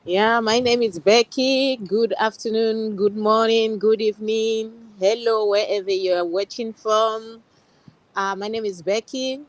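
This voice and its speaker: A woman's voice: fairly high pitch, fairly even intonation, a little slow, no room sound, low-quality recording. A woman from Cameroon, a social worker and guest on an online panel, speaking earnestly and steadily with frequent restarts.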